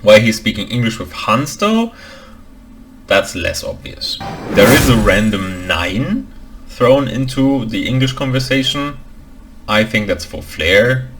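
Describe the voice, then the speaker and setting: A man's voice: fairly low pitch, slow, slight background noise, poor audio. A man from Germany who works as a language expert, giving dry, opinionated commentary in a film reaction video. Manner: dry, opinionated critique with deadpan asides.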